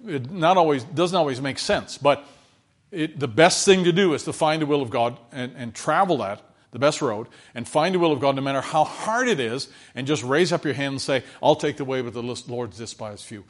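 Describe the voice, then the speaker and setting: A man preaching a sermon in a conversational way, often checking in with his listeners and swinging between loud emphasis and quiet asides. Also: a little high, expressive, normal speed.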